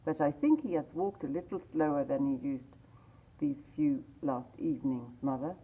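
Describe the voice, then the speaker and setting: A woman voicing a young boy who speaks softly and earnestly. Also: deep voice, normal speed, breathy edge. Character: young boy, gentle and sorrowful. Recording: tinny phone-like sound.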